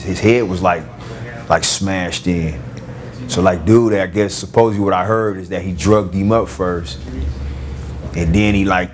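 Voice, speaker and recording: A former gang member telling his story casually with a Los Angeles street-slang accent, halting and full of fillers and restarts. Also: deep voice.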